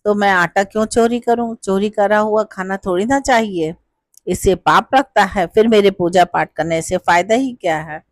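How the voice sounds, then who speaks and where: A woman tells a devotional folk tale in a plain, conversational way, as if speaking to listeners nearby. Her pitch is middling for a woman, and the sound is dry and close, with no room echo. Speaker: storyteller.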